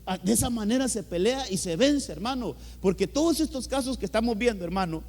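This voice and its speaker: A man's voice: high-pitched, animated, a little fast, darkish tone. A pastor with a Honduran accent preaching a sermon in a church, emphatic, repeating his words and calling the listeners brother. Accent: Honduran Spanish. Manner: emphatic, repeats words, often says "hermano". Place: church hall. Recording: church hall with long reverb.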